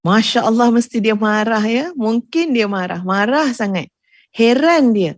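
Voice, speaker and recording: A woman's voice: fairly high pitch, lively intonation, a little slow, no room sound. A woman religious teacher giving a sermon, earnest and addressing her audience, repeating phrases for emphasis. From Malaysia.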